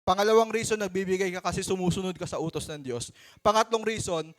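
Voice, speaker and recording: A Filipino man preaching a sermon to his church in a conversational, animated way, acting out stories. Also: high-pitched, fast talker.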